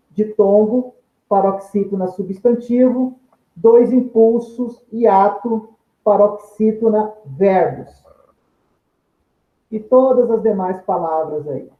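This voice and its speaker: A male teacher, giving a recorded grammar lesson in a methodical way, restating each term with synonyms and drawing out example words. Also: sits high. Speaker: Portuguese teacher. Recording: echoey room, tinny phone-like sound.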